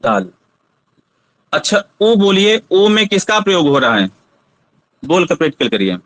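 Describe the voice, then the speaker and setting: A man's voice: sits high, very animated, moderate pace, fairly bright tone, dry recording, rough recording. A man teaching a Sanskrit pronunciation lesson, patiently asking students to try each sound aloud.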